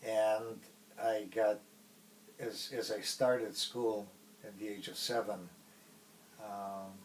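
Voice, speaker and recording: A middle-aged man from Poland with a Polish accent, a native Polish speaker, recalling his past in a casual interview in a halting way with many pauses. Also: fairly low pitch, flat delivery, distant mic, a little hiss or hum, rough recording. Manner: halting, pausing often mid-phrase.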